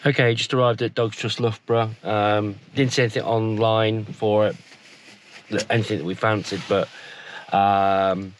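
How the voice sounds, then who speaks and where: A man with a head cold, talking with a nasal voice in a relaxed, rambling vlog. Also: fairly low pitch, normal speed, a little hiss or hum. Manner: relaxed, rambling with many fillers. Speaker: vlogger. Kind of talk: casual vlog to camera.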